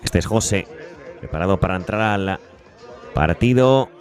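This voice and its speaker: A man giving live beach soccer play-by-play as a commentator, with breakneck goal commentary and drawn-out, repeated goal calls. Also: low voice, a faint crowd. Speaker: sports commentator.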